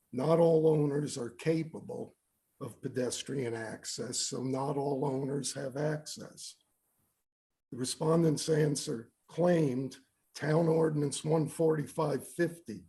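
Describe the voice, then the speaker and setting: A man reads a prepared statement from his notes at a hearing, taking it slowly and deliberately. His voice sits a touch high for a man but sounds gravelly, with a mellow, dark tone. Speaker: complainant at a hearing.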